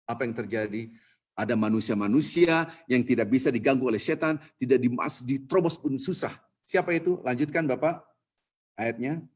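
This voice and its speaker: A man preaching to a mosque congregation, driving points home with repeated words and dropping to a hushed pleading voice when acting out prayers. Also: medium pitch, normal speed, husky. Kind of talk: Islamic sermon to a congregation.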